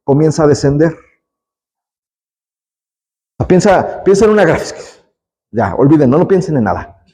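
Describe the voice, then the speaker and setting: A man's voice: a little high, very animated, normal speed, warm tone, poor audio. A man preaching a sermon, emphatic on key lines and chatty in his asides to the congregation. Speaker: pastor.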